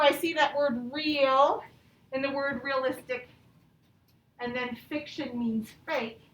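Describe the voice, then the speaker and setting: In a roomy recording with faint noise and a slightly distant mic, a woman with a high, fairly bright voice works as an elementary teacher. She walks young kids through a lesson and a storybook, instructing them and often checking in with questions.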